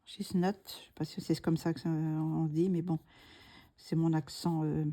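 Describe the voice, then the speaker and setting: A middle-aged woman narrating a coloring tutorial, slow and soft-spoken, thinking aloud and often dropping to a whisper. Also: deep voice, completely flat delivery.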